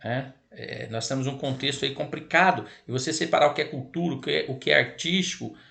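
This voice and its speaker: A man's voice: mid-range voice, a little fast, creaky, bright, forceful tone. A man with a Brazilian accent giving an online law lesson, explanatory and self-correcting, his throat scratchy and irritated. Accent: Brazilian Portuguese. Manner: explanatory, repeats and corrects himself, addresses "pessoal". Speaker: lecturer on child protection law.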